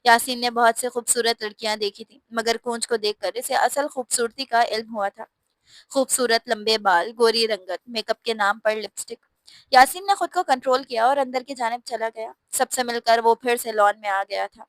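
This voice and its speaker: A woman narrating a romantic novel in a steady, expressive reading voice. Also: a little high, moderate pace, dry recording. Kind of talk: scripted storybook narration.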